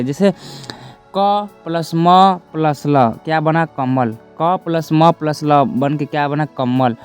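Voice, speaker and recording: A man's voice: a little high, a little mellow, smooth. A young man teaching a lesson, repeating each point twice and speaking straight to his students. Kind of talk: classroom lesson explaining step by step.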